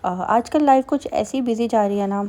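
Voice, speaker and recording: A woman's voice: on the high side, moderate pace, dark tone. A woman with a Pakistani Urdu accent, narrating her day in a chatty, casual vlog voice-over full of fillers. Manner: chatty, filler-heavy storytelling. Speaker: vlogger.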